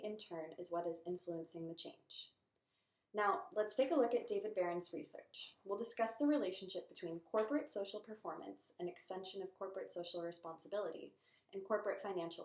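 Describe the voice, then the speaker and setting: A woman's voice: on the low side, a little fast. Young Canadian woman reading a presentation. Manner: steady, earnest reading from a script. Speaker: student presenter. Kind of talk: read group presentation. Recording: echoey room.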